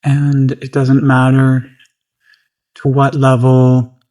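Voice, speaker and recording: Leisurely and soothing, a meditation guide talks gently in a mid-pitched voice with very little variation. Ample pauses fall between phrases.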